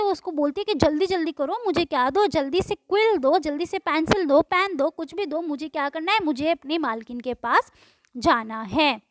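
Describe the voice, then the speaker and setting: With an extremely high pitch and no room sound, a woman teacher reads a poem's English lines slowly and then explains each one in Hindi. She moves line by line, posing questions and answering them herself.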